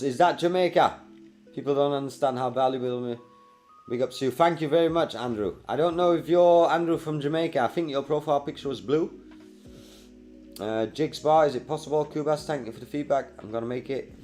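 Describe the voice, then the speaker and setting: A young man with a fairly high voice hosts a live coding stream, answering viewers by name in an easygoing, chatty manner. Faint music plays behind him. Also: moderate pace, long pauses, a little mellow. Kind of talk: casual live-stream chat reading viewer comments.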